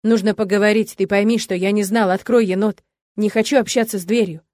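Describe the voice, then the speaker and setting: A woman reading a story aloud, voicing a pushy, rough young man with a hoarse, demanding growl. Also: mid-range voice, moderate pace, dark tone, no echo, lightly acted. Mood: angry demanding. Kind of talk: audiobook narration with voiced characters.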